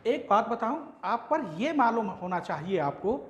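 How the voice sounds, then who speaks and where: A man's voice: sits high, big pitch swings, echoey room. A man teaching maths, working through a problem step by step and quizzing students with rhetorical questions. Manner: dictates step by step, slowly spelling out symbols. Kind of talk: classroom maths lecture.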